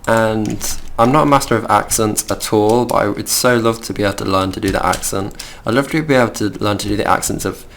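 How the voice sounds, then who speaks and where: A man's voice: lowish voice, fairly quick, hardly any pauses, fairly bright tone, a little hiss or hum. A young man from the middle of England with a Midlands accent, chatting casually and rambling as he plays and hosts a game video. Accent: Midlands English. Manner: chatty, rambling, easily distracted. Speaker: gaming channel host.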